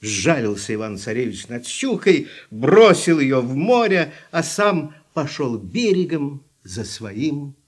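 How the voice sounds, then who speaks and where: Husky, animated male fairy-tale narrator. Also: mid-range voice. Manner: expressive, unhurried storytelling. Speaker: audiobook narrator.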